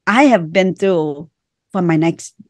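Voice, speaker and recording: A middle-aged woman from Vietnam with a Vietnamese accent talks about her life as a guest on a podcast. Her voice sits a little low and sounds dry and close to the mic. She speaks earnestly, in short, heartfelt phrases. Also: takes it slowly, no echo. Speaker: author and guest. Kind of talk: podcast interview.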